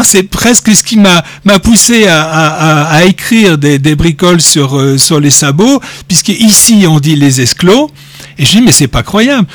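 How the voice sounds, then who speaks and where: A man gives an informal, digressive talk on word origins, cracking jokes and often hesitating or repeating words. His voice is a little high, with no echo.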